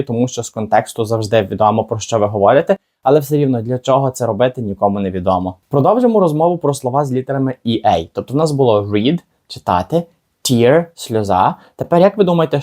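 Casting: male teacher, mellow voice, chatty and question-asking, slows down for examples. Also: medium pitch. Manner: chatty, asks the viewer rhetorical questions, slows down for example words. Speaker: English teacher. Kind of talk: casual video lesson.

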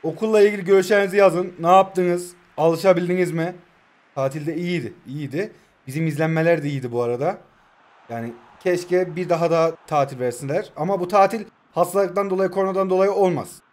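A man's voice: high-pitched, brisk. A young man in his twenties giving casual, joking play-by-play commentary over a mobile football game, teasing himself and his viewers. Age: 20s. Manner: joking, teasing self-talk; excited play-by-play.

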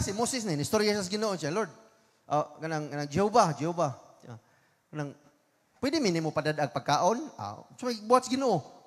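A man with a Cebuano accent preaching a sermon, slowing down to read scripture lines with emphasis. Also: high voice, long reverb tail. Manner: mixes English scripture quotes into Cebuano, slow emphatic reading.

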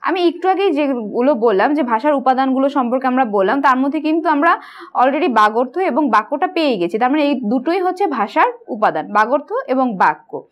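উঁচু গলার শিক্ষিকা, একটু চাপা শব্দে. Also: female voice, sits high, lively intonation, fairly quick, lo-fi sound. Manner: patient, asks and answers her own questions. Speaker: teacher. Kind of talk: explaining grammar quiz answers.

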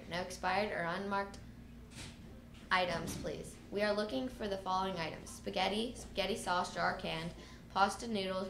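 A woman's voice: mid-range voice, vocal fry, echoey room, noisy background. A woman reading school morning announcements over a PA system, in a plain read-aloud manner with small stumbles.

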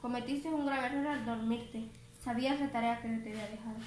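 A woman's voice: a little high, fairly even intonation, fairly quick, a little mellow, recorded from a distance, a little hiss or hum, natural voice. A woman voicing a stern middle-aged farmer father who scolds his daughter, in a told children's story. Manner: scolding, firm. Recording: roomy home recording.

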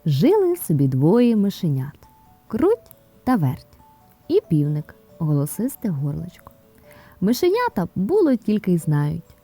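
A woman narrating a fairy tale in an expressive storyteller's manner, sometimes dropping to a whisper. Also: medium pitch. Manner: expressive, softening to a whisper in places. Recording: dry close mic with soft background music.

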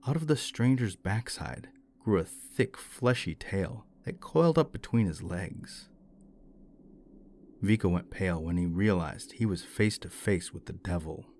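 A deep-voiced male storyteller reads a folktale in a measured, steady manner. A faint hiss sits under his voice. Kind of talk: scripted folklore narration.

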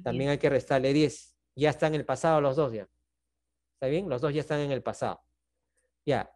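A man with a medium-pitched, slightly mellow voice teaches math briskly over a video call, his accent Peruvian Spanish. He stays patient, checking in often with "¿no?" and "¿está bien?".

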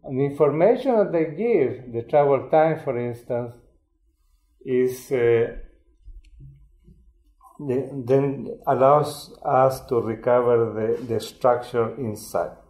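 An older man from Chile giving a public lecture, explaining in an unhurried way with frequent restarts. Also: mid-range voice, a little mellow. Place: lecture hall. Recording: roomy lecture hall sound.

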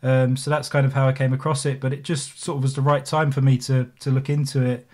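A man in his thirties hosts the interview in a mid-pitched, everyday voice, relaxed and a bit hesitant with many fillers. He speaks close to a studio condenser mic in a small home room. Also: quick pace. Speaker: podcast host. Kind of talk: podcast interview. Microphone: studio condenser mic with pop filter and headphones.

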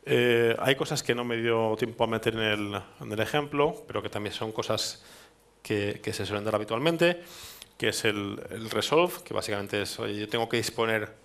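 A man in his thirties from Spain, with a lowish, slightly bright voice, delivers a technical meetup talk at normal speed in a dark presentation hall with listeners. His Spanish-accented speech wanders as he thinks aloud, with restarts and tag questions.

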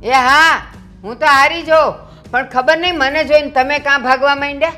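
A woman's voice: sits high, normal speed, bright, forceful tone, faint music behind. Scolding mother-in-law. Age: middle-aged. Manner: scolding, mocking, blunt. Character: sharp-tongued mother-in-law scolding her son-in-law.

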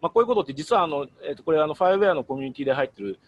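A man's voice: on the high side, racing, slight background noise. A middle-aged man giving a webinar presentation as a guest speaker, walking through slides in an explanatory way with frequent hesitation fillers.

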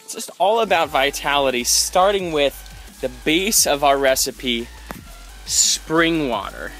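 Standing outdoors by a spring, a young meetup organizer cheerfully promotes his group in a casual vlog, holding his phone at arm's length. His slightly high, a bit bright voice has lively intonation and a slow pace, upbeat and enthusiastic. The recording is rough, with background music under his voice.

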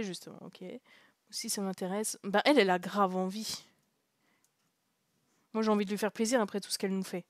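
A young woman streaming a visual novel, reading it aloud and commenting in a chatty, joking way with frequent laughs and hushed asides. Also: mid-range voice, no echo, clean studio sound. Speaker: streamer playing a story game.

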